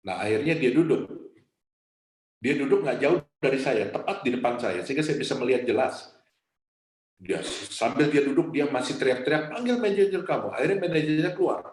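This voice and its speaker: A male pastor preaching a sermon over a video call, telling a story lively and often asking the congregation questions. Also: medium pitch, reverberant. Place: home, via video call.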